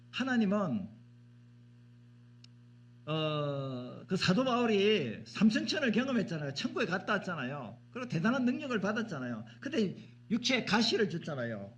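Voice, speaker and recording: A man's voice: fairly high pitch, slight background noise. A male pastor preaching a sermon in a church, emphatic and repetitive, often asking the congregation questions. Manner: emphatic, repeats words, asks the congregation questions. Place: church sanctuary.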